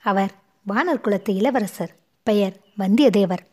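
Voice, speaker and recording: A woman's voice: medium pitch, unhurried, lightly acted. A woman voicing a distraught young noblewoman who pleads and sobs with guilt, in a storybook reading. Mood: pleading. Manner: pleading, sobbing between words.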